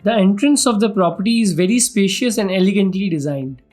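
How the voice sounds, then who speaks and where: A man's voice: sits high, expressive, a little fast, a little mellow. A man with an Indian accent giving a formal, scripted property tour as a vlog host, in a salesman-like way. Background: background music.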